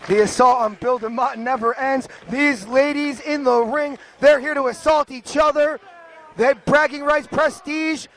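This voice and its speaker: A man's voice: extremely high pitch, steady tone, measured pace, a bit bright, slight background noise. A man calling a wrestling match play-by-play, joking and bantering with his co-commentator.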